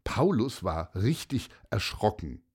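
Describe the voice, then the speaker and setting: Guy reading a kids story, husky, slow, super animated. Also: on the low side. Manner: expressive, storytelling. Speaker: narrator. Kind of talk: children's story narration.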